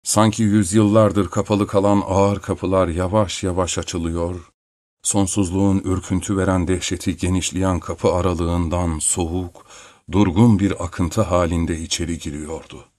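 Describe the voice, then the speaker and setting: A man narrating a literary story in a measured, solemn reading. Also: low-pitched, level tone, darkish tone, no echo. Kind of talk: scripted audiobook narration.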